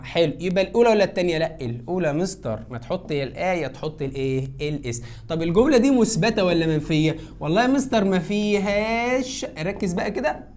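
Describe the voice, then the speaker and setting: A woman's voice: lowish voice, a little mellow. Egyptian woman teacher, drilling a grammar lesson with coaxing repeated cues. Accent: Egyptian Arabic. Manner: coaxing, repeats cues and answers her own questions. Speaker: English teacher.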